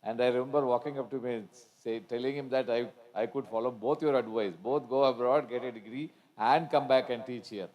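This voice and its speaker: A man's voice: medium pitch, steady tone, fairly quick, hardly any pauses, highs cut off. A man in his sixties with an Indian accent, a faculty member moderating an alumni event, gives a storytelling tribute with frequent restarts. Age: 60s. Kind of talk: tribute speech.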